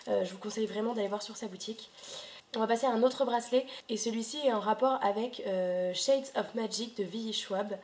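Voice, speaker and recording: A woman's voice: fairly high pitch, fairly quick, a little mellow. A young woman vlogging casually at home, chatting with many hesitations and fillers into her camera. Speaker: book vlogger. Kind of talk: casual video chat.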